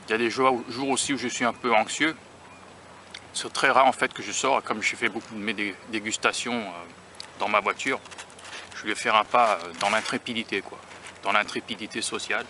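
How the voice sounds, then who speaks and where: A food-tasting vlogger from the United States films himself on a handheld camera or phone while eating outdoors by a beach near rail tracks, with traffic and vehicle noise around him. His lowish voice is fairly quick, fairly even in intonation, and sharp in tone. He muses casually and self-consciously, often restarting sentences.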